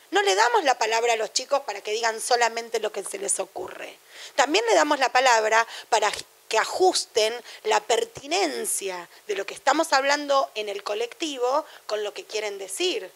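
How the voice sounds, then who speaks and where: High, gravelly Rioplatense woman lecturing. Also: animated, normal speed, a bit bright. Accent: Rioplatense Spanish. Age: middle-aged. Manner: chatty and digressive, with anecdotes and asides. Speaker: lecturer on education. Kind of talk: university lecture.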